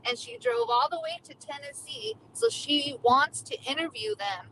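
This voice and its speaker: A woman's voice: sits high, huge pitch swings, moderate pace, gravelly, background noise. A woman talking from her car while she drives, upset and venting in a casual chat as a guest on a live stream. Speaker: livestream guest. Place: inside a moving car.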